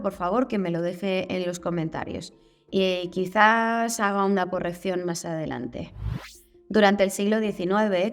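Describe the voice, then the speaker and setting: Chatty Spanish woman narrating, wry asides. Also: medium pitch. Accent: Spain Spanish. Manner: casual, curious, with wry asides. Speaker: channel host.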